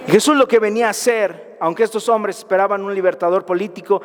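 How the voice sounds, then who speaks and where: Man, pastor, emphatic sermon, repeated questions, high voice, reverberant church hall. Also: quick pace.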